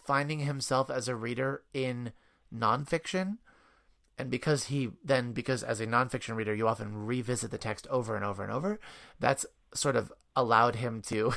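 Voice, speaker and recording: A man's voice: mid-range voice, vocal fry, a bit bright. A man speaking as a parent guest, telling rambling anecdotes in casual chat and laughing often.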